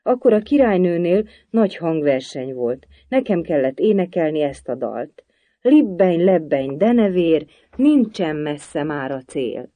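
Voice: medium pitch, lively intonation, few pauses, dark tone, dry recording, lightly acted. A storybook reader voicing a sighing, lecturing hatter at an endless tea party. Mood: gloomy. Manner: sighing, lecturing, sings a nonsense song.

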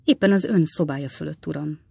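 A gloomy prison turnkey voiced by an audiobook narrator speaks with polite, respectful deference. The voice is gravelly and sits in a middle pitch. The sound is close and dry. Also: darkish tone, dry recording. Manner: polite, says "sir" often. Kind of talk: audiobook character reading.

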